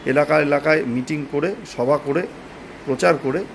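A man gives a political statement in a halting, deliberate way, speaking into a phone at arm's length in a small room. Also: a little high, gravelly, slight background noise, poor audio. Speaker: local political party leader. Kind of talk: spoken political statement to camera.

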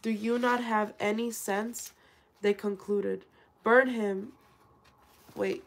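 A woman's voice: mid-range voice, fairly even intonation, takes it slowly, vocal fry, rough recording. A woman reading a scripture translation aloud, calling out verse numbers and stumbling over words, then correcting herself as she goes. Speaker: scripture reader.

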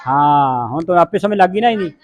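This Gurbani pronunciation teacher speaks quickly and animatedly in a slightly high voice, with noise in the background. He has a Punjabi accent. In a classroom recitation lesson, he breaks scripture words into letters and has the group repeat them.

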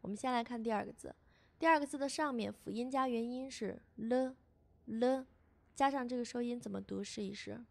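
A woman teacher narrates a beginner lesson with a somewhat high voice. She repeats each syllable slowly and patiently so learners can follow. The recording is dry and close, with no room sound. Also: creaky, darkish tone, dry recording. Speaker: language teacher. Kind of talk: scripted lesson voice-over.

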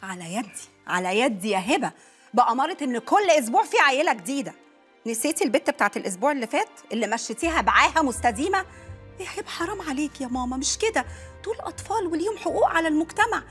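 A woman's voice: sits high, expressive, rapid-fire, fairly bright tone. An affectionate Egyptian mother. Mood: reproachful. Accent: Egyptian Arabic. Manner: affectionate, calls everyone darling. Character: tender, reasoning middle-aged mother, soothing. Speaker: mother and neighbor. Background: music.

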